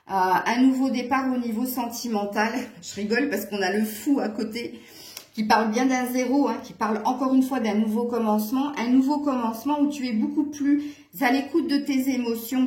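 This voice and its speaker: A woman's voice: on the high side, fairly even intonation, moderate pace, darkish tone. A woman giving a casual tarot reading to her viewers, chatty and hesitant, with many fillers. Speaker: tarot reader. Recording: echoey room.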